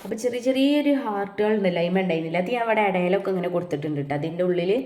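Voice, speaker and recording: A woman's voice: lowish voice, animated, very fast, darkish tone. A woman, casually chatting to viewers step by step while making crafts at home. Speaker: family vlogger. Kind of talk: casual crafts vlog chat.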